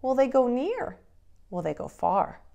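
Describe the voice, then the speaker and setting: A middle-aged woman plays a preschool teacher, reading aloud and giving simple instructions to young children in a deliberate, expressive way. Her voice is a little high, sing-song and creaky with a dark tone, and the recording sounds muffled.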